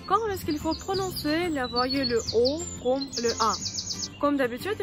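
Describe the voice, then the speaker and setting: A woman who speaks natively gives an online language lesson, patient and lively, repeating words slowly. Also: sits high. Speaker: Russian teacher.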